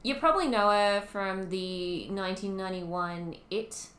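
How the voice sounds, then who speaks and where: A woman in her twenties with an Australian accent, co-hosting a podcast in casual chat, talkative and quick to laugh. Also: mid-range voice, a bit bright. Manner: chatty, laughs often, lots of ums. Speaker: podcast co-host. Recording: roomy with faint ambient noise.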